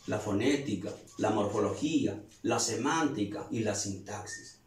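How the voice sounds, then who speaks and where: A male teacher with a high-ish, darkish voice gives a classroom grammar lesson, explaining step by step and posing questions he answers himself. The room echoes and his voice is far from the mic.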